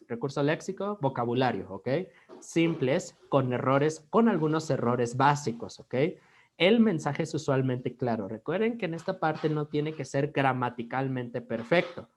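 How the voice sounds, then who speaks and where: A man with a Mexican Spanish accent teaching an online English class, switching between Spanish and English and checking in with "ok?" after nearly every phrase. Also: a little high.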